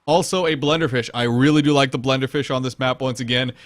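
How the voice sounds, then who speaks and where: Speaking quickly in a mid-range voice, this male esports caster narrates an online match as it unfolds. He's analytical, walks through the tactics, and gets suddenly excited when major plays happen.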